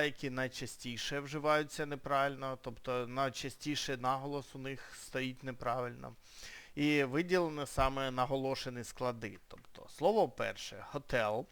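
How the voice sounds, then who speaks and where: A young man from Ukraine, an English teacher, explaining a lesson casually with frequent pauses and hesitations. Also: mid-range voice, a bit bright, clear, resonant tone.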